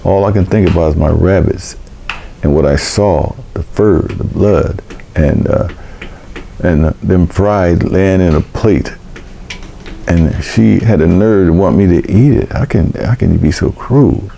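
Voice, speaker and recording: Older man, mellow dark voice, faint background hiss, halting emotional storytelling. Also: sits low, gravelly. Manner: halting, repeats words and restarts; emotional recollection. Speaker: vlog host. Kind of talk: personal storytelling.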